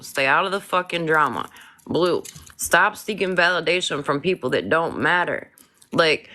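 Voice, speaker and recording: A woman from Flint, Michigan, chatting live with blunt, heated talk. Her voice is bright and tense, and she swears freely. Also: extremely low pitch. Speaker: live stream host. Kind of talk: casual live chat.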